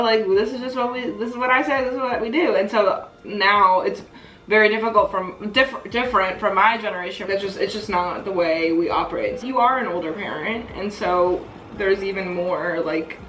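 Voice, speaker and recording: A woman's voice: medium pitch, fairly bright tone. Chatty young woman, echoey room. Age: young adult. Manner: chatty, full of "like" fillers, giggly. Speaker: vlogger hosting Q&A. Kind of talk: casual chat. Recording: echoey room with faint music.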